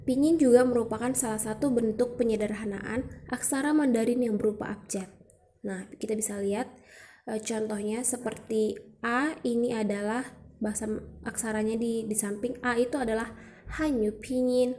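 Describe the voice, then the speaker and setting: A woman's voice: fairly high pitch, steady tone, normal speed, mellow, a little hiss or hum. A young woman presenting a student educational video, explaining patiently step by step and demonstrating sounds aloud.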